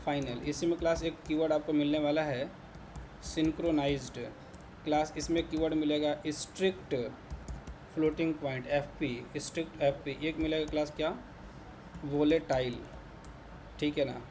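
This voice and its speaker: A man with an Indian Hindi accent teaches a programming class in a fairly high, steady, darkish voice at a moderate pace. He repeats words and constantly checks in with "ठीक है ना" to see if students follow, with slight background noise.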